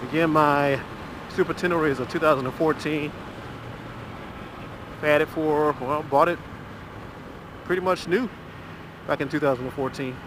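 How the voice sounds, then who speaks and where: A middle-aged man, chatting casually while riding a motorcycle. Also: a little high. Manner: relaxed, chatty, drawn-out filler pauses. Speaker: motovlogger. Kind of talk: casual ride commentary. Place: riding a motorcycle on a rural road. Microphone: helmet mic. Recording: wind and engine noise from a motorcycle helmet mic. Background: motorcycle engine and road noise.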